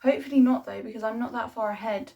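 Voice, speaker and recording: A woman's voice: on the high side, fast talker, gravelly, mellow, highs cut off. A young adult woman talking casually to her video diary as a fitness vlogger, rambling informally and saying "like" and "honestly" a lot.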